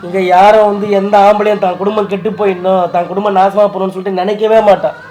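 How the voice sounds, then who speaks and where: A husband in a scripted prank video talks quickly in a high, mellow voice with a flat delivery, soft music playing behind him. Tearful, he begs his wife and tries to comfort her during an emotional staged exchange.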